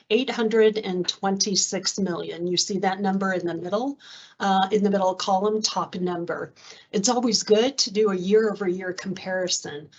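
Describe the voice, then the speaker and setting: Woman presenting formally over muffled call. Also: medium pitch. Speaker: finance official presenting to board. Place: video conference call. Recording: dull video-call audio.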